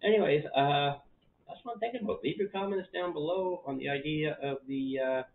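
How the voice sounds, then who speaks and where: A middle-aged man in his living room, talking casually to the camera as a channel host, relaxed and rambling, with plenty of fillers. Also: a little high, a little fast, creaky. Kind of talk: casual vlog talk to camera. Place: living room at home, indoors. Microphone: camera in front of him. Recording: tinny phone-like sound.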